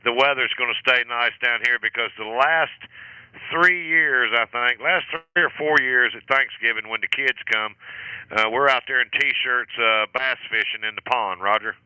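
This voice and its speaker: A man's voice: mid-range voice, moderate pace, pushed and bright, smooth, no room sound, low-quality recording. A man hosting a ham radio net, chatting casually and calling out call signs with an easy chuckle. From southern United States. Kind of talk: casual on-air radio chat. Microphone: station microphone.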